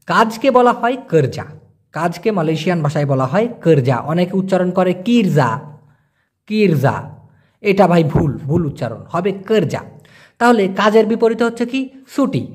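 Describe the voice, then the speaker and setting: A young man giving a casual spoken language lesson, explaining patiently and repeating each word slowly. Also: high voice, husky. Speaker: language teacher.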